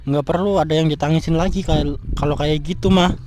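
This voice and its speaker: In a scripted street drama, a man plays a furious young man scolding and cursing his cheating fiancée, his voice fairly high, steady, fairly quick, and darkish in tone. The voice sounds natural, and as the jilted fiancé he is thoroughly angry.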